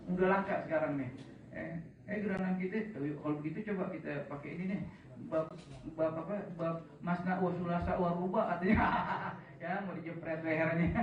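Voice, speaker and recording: A man giving an informal religious lecture to a gathering, chatty and joking, often laughing. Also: sits high. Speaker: preacher. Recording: echoey, from far off, faint noise.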